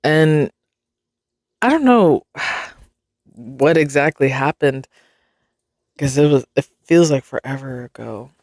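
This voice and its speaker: A woman's voice: a bass voice, expressive, slow pace, pauses often, darkish tone, dry recording. Dry, rambling young woman podcaster. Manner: rambling, self-interrupting, swears freely. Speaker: podcast host. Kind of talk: casual solo podcast monologue.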